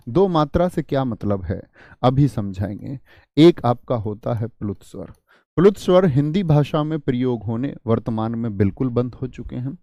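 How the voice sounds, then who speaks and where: A man's voice: mid-range voice, mellow, no room sound. A man teaching a class online, dictating and asking the class questions, with repetition.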